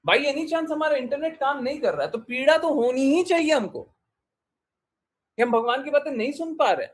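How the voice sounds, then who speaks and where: Expressive and very high-voiced, this man speaks at a moderate pace as a spiritual teacher. His devotional discourse urges listeners on through short, repeated commands and questions.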